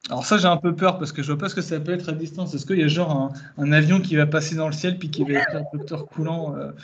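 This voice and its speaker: A man's voice: fairly high pitch, steady tone, fast. A young man chatting casually on a remote call, with a joking, teasing, colloquial way of talking. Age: young adult. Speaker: newly qualified doctoral candidate thanking attendees. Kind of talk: casual chat. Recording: muffled video call audio, faint noise.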